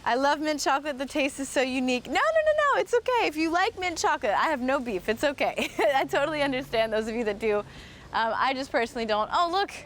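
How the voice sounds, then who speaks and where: An American woman hosts a live-streamed walking tour outdoors around a historic site, chatting upbeat with viewers and thinking aloud with plenty of fillers. Her voice is high, sing-song and a little bright, and she talks fast. Slight background noise can be heard.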